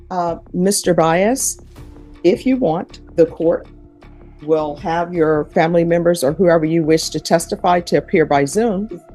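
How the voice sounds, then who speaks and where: Give me a brisk woman judge on a courtroom recording. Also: lowish voice, dark tone. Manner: brisk, formal, businesslike. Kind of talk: formal court proceedings.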